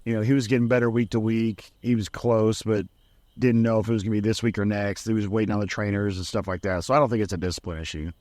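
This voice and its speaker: Man, quick speech, podcast co-host, matter-of-fact, dry mic. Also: on the low side, steady tone, a little mellow, dry recording. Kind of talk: casual sports chat.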